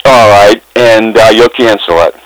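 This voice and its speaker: A man calling customer support by phone, plainspoken and halting as he explains himself. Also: lowish voice, no room sound, low-quality recording. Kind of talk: customer service phone call. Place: on a phone call.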